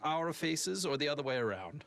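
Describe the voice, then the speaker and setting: A man's voice: fairly high pitch, sing-song, moderate pace, gravelly, a bit bright, full character voice. A man voicing a pompous male chimpanzee professor who lectures in a haughty, dismissive way as a panel guest. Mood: smug.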